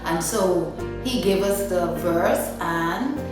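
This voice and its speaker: A woman's voice: fairly low pitch, slow. A woman from Guyana, answering interview questions about her dance ministry in a chatty way, with many "you know" fillers. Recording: echoey room, mic at a distance, music underneath.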